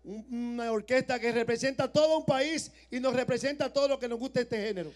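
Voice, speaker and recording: A Dominican-accented man co-hosts a TV show, firing off chatty remarks. His voice is very high for a man and he talks fast. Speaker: TV co-host. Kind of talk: quick live TV banter.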